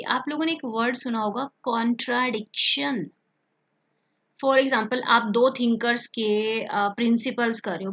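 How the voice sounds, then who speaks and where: A woman's voice: a little high, fairly bright tone. A woman teaching an exam-prep vocabulary lesson, explaining words in Hindi and repeating terms, often checking in with her students.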